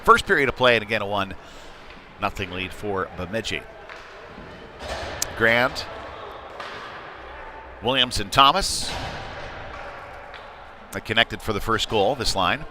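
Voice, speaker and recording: A man with a voice on the low side speaks slowly with long pauses, giving conversational, somewhat hesitant live commentary on a youth hockey game. He's inside an ice rink, and the recording carries clear, noisy rink ambience.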